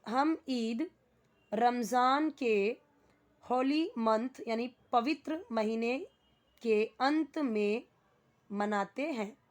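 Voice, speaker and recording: Woman teacher glossing English word by word. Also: fairly high pitch. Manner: reads English sentences slowly, then glosses each word. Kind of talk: explaining grammar word by word in Hindi.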